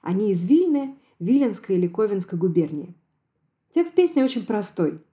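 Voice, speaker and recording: A woman, a Yiddish language expert, giving a precise, measured scripted lecture on dialects. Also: mid-range voice, very animated, mellow. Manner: measured, precise academic delivery.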